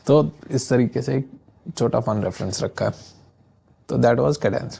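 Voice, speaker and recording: A man teaching English vocabulary in a casual lesson, explaining words with memory tricks and slowly reading out example sentences. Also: medium pitch, creaky, warm tone, husky. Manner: often adds filler checks like "theek hai".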